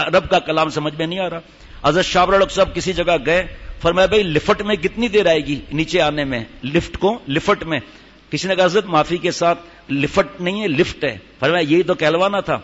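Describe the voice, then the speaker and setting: A man's voice: high voice, fairly bright tone. An older man giving a sermon to a gathering, telling stories and demonstrating recitation. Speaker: religious teacher. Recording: dull hall reverb.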